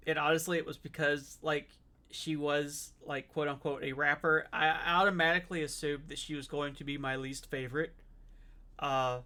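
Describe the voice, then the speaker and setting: Bright-voiced man giving halting reaction commentary. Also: a little high. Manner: halting, emphatic, repeats phrases. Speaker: reaction streamer commenting on a video.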